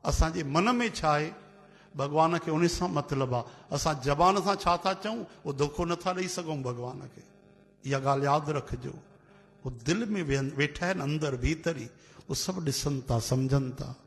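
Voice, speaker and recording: A religious storyteller with a somewhat high male voice tells devotional stories to a gathering at normal speed. He is animated, acts out the voices of the people in his tales, and calls out chants. A long hall reverb makes his voice ring, giving it the feel of a sermon.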